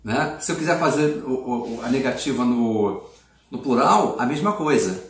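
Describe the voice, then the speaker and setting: A middle-aged male English teacher explaining grammar in a casual video lesson, patient and clear, with slow model sentences. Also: medium pitch, animated. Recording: echoey room, mic at a distance.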